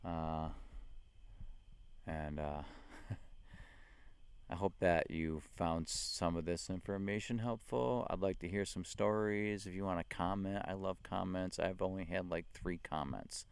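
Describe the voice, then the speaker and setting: A man talking slowly and earnestly about spiritual experiences into a handheld mic, with many fillers and soft laughs. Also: deep voice, fairly even intonation, creaky, smooth, dry recording. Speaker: spiritual vlogger. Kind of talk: casual spiritual talk to camera.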